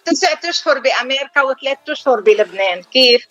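A middle-aged woman with a Lebanese accent, a chef speaking over the phone as a guest on a call-in interview, telling her story calmly and without hurry. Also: high voice, quick pace, music in the background. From southern Lebanon. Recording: dull phone line.

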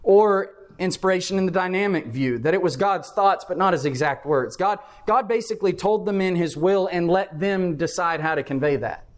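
A man's voice: sits high, moderate pace, few pauses. A man preaching a Bible class sermon, explaining step by step and repeating key phrases for emphasis.

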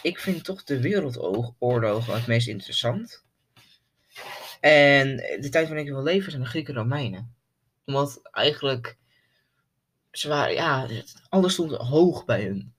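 A man's voice: mid-range voice, animated, measured pace, fairly bright tone. A young man with a mid-range voice chats loosely as a podcast co-host. He drops slang and circles back over the same phrases. His delivery is informal and unpolished. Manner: loose, slangy, repeats himself. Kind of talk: casual chat.

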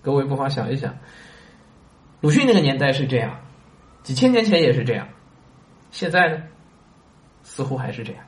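A man with a medium-pitched, sing-song voice reads a classic story aloud at a brisk clip, broken by long pauses, in a roomy-sounding space. He explains the tale as he goes, chatting with listeners and tossing them rhetorical questions in a storytelling lesson with commentary.

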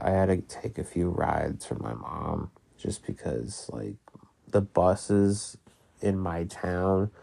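A man with a gravelly, phlegmy voice, congested from being sick, talking casually about his life in a halting, rambling way. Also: sits low, mellow. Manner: halting, rambling, heavy use of "like"; casual swearing. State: sick, congested with mucus in throat. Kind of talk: casual personal diary-style talk.

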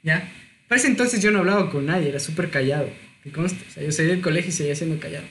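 Young man, high-pitched, confessional chat, faint background hum. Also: rapid-fire. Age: 20s. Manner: confessional storytelling, lively and self-mocking. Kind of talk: casual chat.

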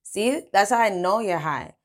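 A woman's voice: mid-range voice, animated, normal speed, voice pushed up, natural voice. A woman voicing a stern, controlling man who checks in with concern. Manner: stern but caring. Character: stern, controlling male pimp.

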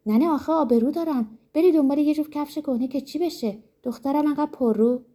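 Sharp scolding mother, a woman reading her. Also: high voice, pitched above the performer's own voice, lightly acted. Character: harsh scolding middle-aged mother, woman.

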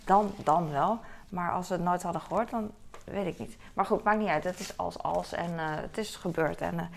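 Woman, 30s, casual chore vlogger, rambling and chatty, low-ish with some gravel, faint hiss behind. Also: moderate pace. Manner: chatty and rambling, animated when telling stories. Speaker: vlogger and mother. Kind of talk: casual chatty vlog while doing household chores.

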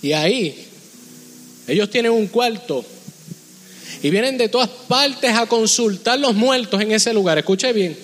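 Fervent pastor, high voice. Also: male voice, expressive, a little slow, pauses often, a bit bright. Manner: fervent preaching, urging the congregation. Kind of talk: sermon. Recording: long hall reverb with music behind.

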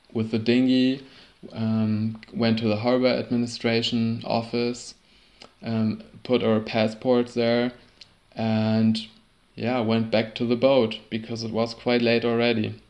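A man telling a personal sailing story in a halting way, often repeating and restarting words. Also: medium pitch, flat delivery. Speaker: sailor recounting a trip.

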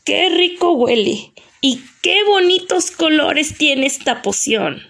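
A big, sad green ogre with a gentle heart, speaking timidly and softly, as a woman puts him on in a children's audio story. His lines come slowly and sit higher than one would expect for an ogre. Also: animated, vocal fry, exaggerated voice. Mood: delighted.

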